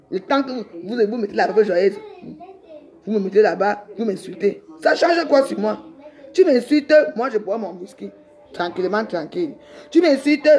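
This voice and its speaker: A woman's voice: fairly high pitch, a little mellow. A middle-aged woman, ranting defiantly on a live stream and rambling with repeated words. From Cameroon. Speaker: social media livestreamer.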